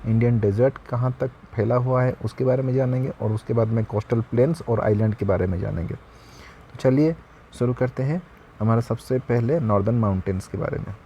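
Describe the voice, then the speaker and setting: A man gives an online geography lesson, walking through each point in a chatty, friendly-to-the-viewer way. His voice is mellow and warm-toned at an ordinary pitch, with a faint hiss of background noise. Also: a little fast, muffled recording. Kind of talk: explanatory lesson narration.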